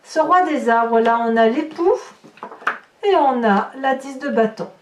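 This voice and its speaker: With a high-pitched, lively and unhurried voice, a woman channel host improvises a tarot reading for her viewers. She keeps breaking into astonished exclamations about the cards, and the recording has roomy echo, a distant mic and background noise.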